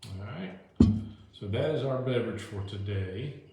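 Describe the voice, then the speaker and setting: Man, lowish voice, food-tasting show host, casual rambling, lots of fillers, echoey room at home. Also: lively intonation, measured pace, vocal fry, very noisy. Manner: loose and chatty, with many fillers and restarts. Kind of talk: casual rambling talk to camera. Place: indoors at home, moved in from the deck.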